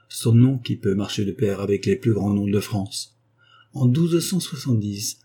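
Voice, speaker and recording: A haughty old spinster of the nobility, stubborn and proud to the bone, played by a male narrator. Her voice sits high, with a mellow, slightly husky grain. She speaks with lofty, dignified firmness.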